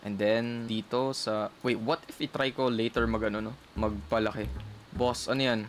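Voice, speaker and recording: A Filipino man streaming a game from indoors at a friend's place, keeping his voice down, with game music playing clearly under him. He chatters excitably at mid pitch, switching between English and Tagalog as he talks to his chat. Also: moderate pace. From Philippines. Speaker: gaming streamer. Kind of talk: casual gameplay commentary to chat. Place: indoors at someone else's house, keeping voice down. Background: background music.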